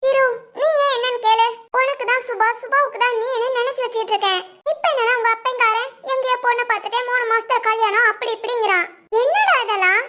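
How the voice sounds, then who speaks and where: A woman plays a hot-tempered village aunt in a comedy cartoon, her voice pitched extremely high. She scolds her nephew one moment and mutters dark schemes to herself the next. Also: fast talker. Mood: coaxing.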